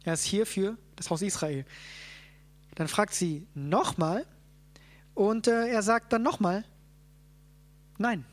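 A Bible teacher explaining a passage in plain, unhurried teaching talk. The speaker keeps checking in with the group with a quick "ja?". Fillers and restarts come often while thinking aloud. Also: medium pitch. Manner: checks in with listeners, frequent "ja?".

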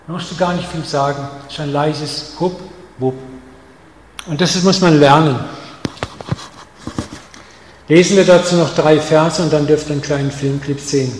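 A man preaching a sermon, speaking straight to his listeners with rhetorical questions, dropping soft and then pushing lines out with stress. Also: fairly high pitch, fairly even intonation, a little fast, hardly any pauses, slight background noise. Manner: emphatic, direct address with rhetorical questions; swings between soft intimate lines and loud stressed ones. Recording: echoey hall with long reverb.

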